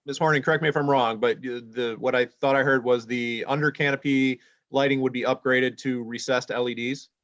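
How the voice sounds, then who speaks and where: A man chairing a planning commission meeting, asking measured clarifying questions. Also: mid-range voice, fairly even intonation, fairly bright tone, dull audio.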